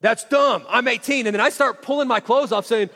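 On stage in a large hall where his voice rings with long reverb, a high-voiced man in his forties tells a story. His delivery is brisk, pushed and bright, and he performs each quoted line with self-mocking animation.

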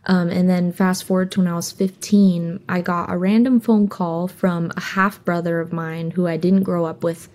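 A young woman singer from Hawaii talks openly about her life in an interview. Her voice sits a little low and has a mellow, warm tone. She speaks earnestly and gently, with many casual fillers. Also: fairly even intonation, normal speed, few pauses. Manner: earnest, open, soft-spoken with frequent "um" and "like". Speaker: singer guest.

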